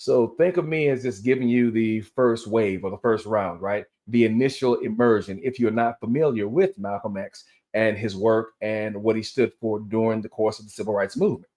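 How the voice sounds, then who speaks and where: A man's voice: fairly low pitch, moderate pace, hardly any pauses, darkish tone. A man giving casual commentary and reading aloud as a host, speaking with dental aligner braces in and sometimes stumbling over words and correcting himself. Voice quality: slightly impeded articulation from wearing dental aligners.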